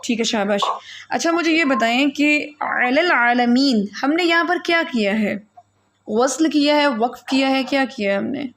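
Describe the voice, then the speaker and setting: A woman's voice: high voice, lively intonation, a bit bright. A woman teaching Quran recitation rules in an online class, patient and corrective with her students. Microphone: online call.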